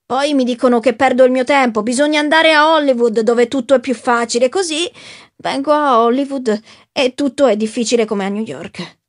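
A woman's voice: high voice, normal speed, natural voice. A woman reading the part of a brooding young man who wants to be an actor, in a sulky, bitter voice. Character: brooding young male would-be actor, resentful. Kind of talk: audiobook reading.

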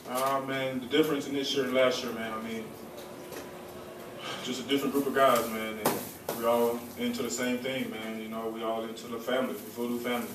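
A man's voice: medium pitch, flat delivery, brisk. A young man in his twenties answering press conference questions in a laid-back way, saying "man" often. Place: large echoey press room. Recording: echoey room, distant mic, background noise.

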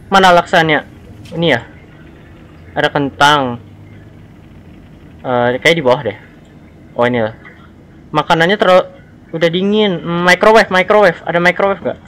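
A man's voice: on the high side, unhurried, pauses often, a bit bright. A man giving nervous, jumpy commentary as he plays a horror game and reads the on-screen text aloud. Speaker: gaming channel host. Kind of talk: horror let's-play commentary.

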